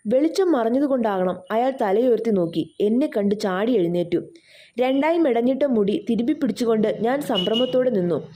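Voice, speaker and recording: A woman narrating a novel in the first person, reading in a measured, expressive way. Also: a little high.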